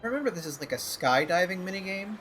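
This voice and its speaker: A man's voice: high voice, expressive, fast, a bit bright. A man giving casual, rambling, self-deprecating commentary as he streams a video game. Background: game music.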